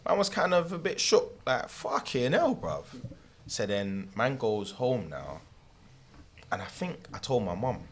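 A man's voice: medium pitch, very animated, unhurried, a little hiss or hum. A young man with a London roadman accent telling a story casually in street slang and acting out who said what. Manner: slangy, acts out reported dialogue. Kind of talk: casual anecdote telling among friends.

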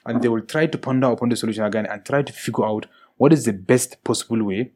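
A man's voice: medium pitch, fast talker, a little mellow, a little hiss or hum. A man with a Nigerian Hausa accent in casual discussion, mixing English with Hausa and leaning on repeated filler phrases.

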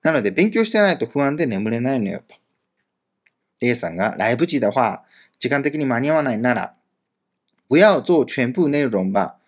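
A male language teacher explaining grammar in a casual, chatty way, reading each example slowly before glossing it. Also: mid-range voice, big pitch swings.

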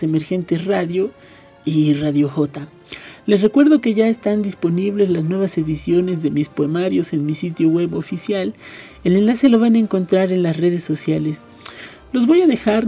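A man hosting a radio program, reading a novel aloud in a calm, measured way. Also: sits high, slightly rough. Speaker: radio host and reader.

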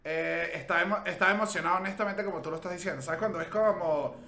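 Bright, high Venezuelan man in echoey room. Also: quick pace, slight background noise. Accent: Venezuelan Spanish. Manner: chatty, rambling with restarts. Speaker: podcast co-host. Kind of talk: casual chat.

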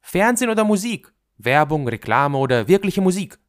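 A man's voice: high-pitched, big pitch swings, pitched above the performer's own voice. A man putting on a pushy, chirpy young woman. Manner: quick, chirpy, emphatic. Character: pert odd young woman, impatient and pushy. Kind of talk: audiobook character voice.

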